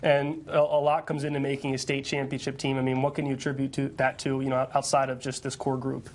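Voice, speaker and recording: A man's voice: mid-range voice, completely flat delivery, fast, slight background noise. A man hosting an awards show live in a studio, presenting and interviewing in a congratulatory manner. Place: studio set with people present.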